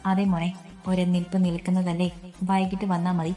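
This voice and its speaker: A worried father comforts his wife in a low, flat, mellow voice, read by a woman narrator. He sounds calm and reassuring in this storybook reading, with faint music underneath. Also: normal speed, lightly acted. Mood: consoling.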